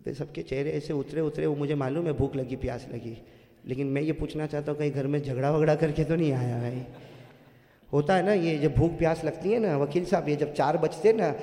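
A middle-aged man preaching a sermon in a mosque, pressing the crowd to call back answers and swinging from loud calls to low asides. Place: mosque prayer hall. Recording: echoey hall with long reverb.

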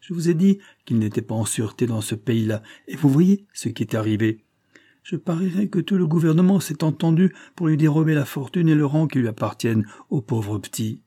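Agitated middle-aged grocer, blustering and repetitive, dark husky tone, as a man reader puts him on. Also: medium pitch, moderate pace, no room sound, clean studio sound, natural voice. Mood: indignant. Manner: blustering, exclaiming, repeats himself.

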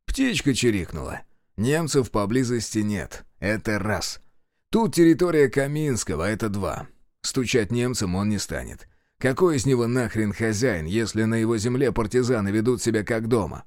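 A man's voice: lowish voice, lively intonation, moderate pace, a little mellow, no room sound, studio quality, close to an everyday voice. A man voicing a blunt, stubborn male partisan commander in an audiobook. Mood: stern. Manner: blunt, gruff.

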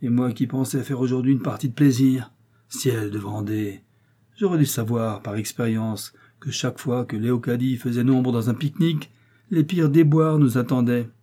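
A man's voice: medium pitch, fairly even intonation, moderate pace, dark tone, lightly acted. A man reading aloud, voicing a grumbling middle-aged male pharmacist who blusters and exclaims.

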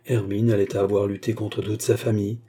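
Dark, husky male audiobook narrator. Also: on the low side, level tone, fairly quick. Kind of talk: scripted narration of a classic novel.

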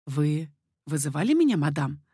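Lady doing a wary clever king, slow and guarded, deeper voice. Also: sing-song, dark tone, slightly rough, no echo, studio quality, exaggerated voice. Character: shrewd young king, wary and measured. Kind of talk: audiobook reading.

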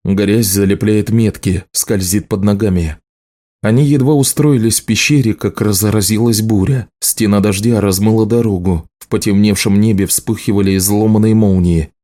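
A man reading an audiobook as narrator, in a measured, even way. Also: fairly low pitch.

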